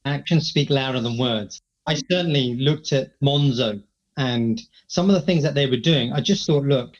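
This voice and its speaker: A man's voice: mid-range voice, moderate pace. Man, podcast co-host, conversational, tag questions, lo-fi recording. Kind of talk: podcast interview.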